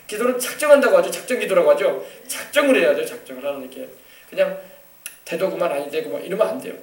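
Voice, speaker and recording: A man pastor preaching a sermon with emphatic delivery, sometimes shouting and acting out quoted voices. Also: high voice, lively intonation, fast. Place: church sanctuary. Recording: echoey church, voice from a distance.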